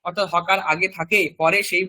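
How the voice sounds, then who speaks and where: A male teacher gives a recorded class lecture. His voice sits high and rings bright. He works through each point methodically, saying example words again and again at a slow drilling pace. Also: steady tone. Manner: explains step by step and repeats example words slowly for drill. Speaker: language teacher.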